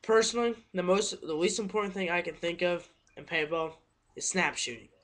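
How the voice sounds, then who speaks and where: A man's voice: high voice, brisk, fairly bright tone. A teenage boy talking casually into his webcam at home, rambling, correcting himself and apologizing, a bit out of breath. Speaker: paintball vlogger. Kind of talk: casual webcam tips talk.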